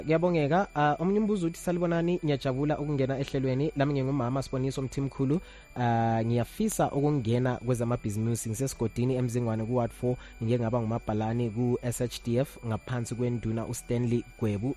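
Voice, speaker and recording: A man with a Zimbabwean accent hosting live radio, speaking hesitantly with drawn-out filler sounds as he presents. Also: mid-range voice, fairly even intonation, warm tone, faint music behind. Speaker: radio host. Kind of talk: live radio presenting, reading listener questions.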